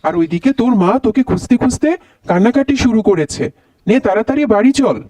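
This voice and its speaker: A man voicing a gentle, patient cartoon father with a mild, coaxing manner. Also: sits high, expressive, quick pace, no echo. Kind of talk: cartoon voice acting.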